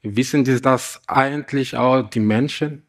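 A man's voice: medium pitch, measured pace, close to an everyday voice. A man doing a stern reproachful donkey.

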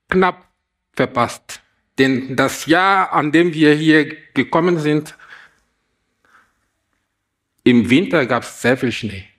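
A man preaching a Christmas sermon, reading a fable aloud and asking the listeners gentle questions. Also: a little high. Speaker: pastor.

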